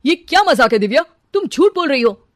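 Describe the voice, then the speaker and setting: A woman's voice: high voice, very animated, a little fast, no room sound, clean studio sound. A woman voicing a boastful, fibbing young man in a comic story, making glib, stammering excuses without shame. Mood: indignant. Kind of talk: comic Hindi audio story dialogue.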